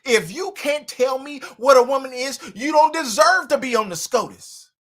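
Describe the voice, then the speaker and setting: A man hosting a livestream commentary, mocking and preachy, with loud swings in volume. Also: extremely high pitch, normal speed. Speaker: commentary host.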